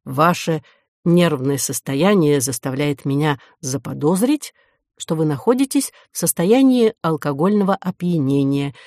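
A woman's voice: sits low, animated, a little slow, darkish tone, no room sound, clean studio sound. A woman reading the part of a polite, formal male hotel porter in an audiobook, with stiff, officious courtesy.

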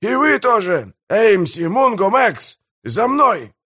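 Рычащий хвастливый пиратский мэр, которого изображает мужчина-чтец, голос заметно выше и с другим тембром. Говорит громко и напористо, как кровожадный главарь из аудиокниги. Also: male voice, sits high, lively intonation, moderate pace, voice pushed up. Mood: gleeful commanding. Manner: growling, boastful. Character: blustering bloodthirsty pirate mayor, man.

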